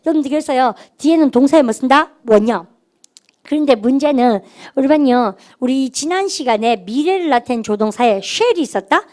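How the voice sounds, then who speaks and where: A middle-aged woman teaching an English grammar class, animated and having students repeat phrases after her. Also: high voice, moderate pace. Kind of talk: classroom lecture.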